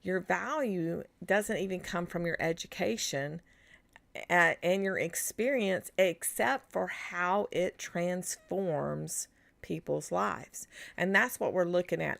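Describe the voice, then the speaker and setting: A woman's voice: lowish voice, creaky, fairly bright tone. A middle-aged woman giving a chatty live-streamed coaching talk to wellness practitioners, rambling with restarts and asides. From United States. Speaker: business coach for natural health practitioners.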